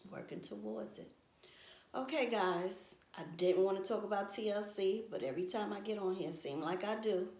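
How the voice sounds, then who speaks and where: A woman's voice: mid-range voice, darkish tone, echoey room. A woman who is a grandmother, talking casually to her viewers in a chatty, emphatic way and repeating her points for effect. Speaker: vlogger selling tea products. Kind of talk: casual talk to camera.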